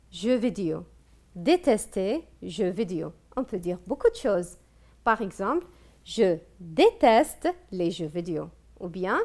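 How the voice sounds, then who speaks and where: Slow, lively-voiced woman teacher. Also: medium pitch. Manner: slow, patient, asks questions and praises answers. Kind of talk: televised classroom review lesson.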